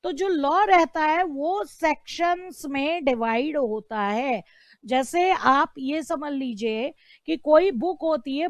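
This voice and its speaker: A woman's voice: sits high, no echo. A woman teaching an online law lecture, asking rhetorical questions and repeating key terms.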